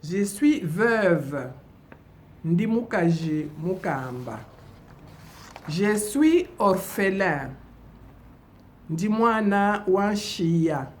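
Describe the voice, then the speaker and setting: A woman from DR Congo teaching a bilingual vocabulary lesson, saying each phrase slowly and deliberately and repeating it. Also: lowish voice, lively intonation, slight background noise. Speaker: language teacher.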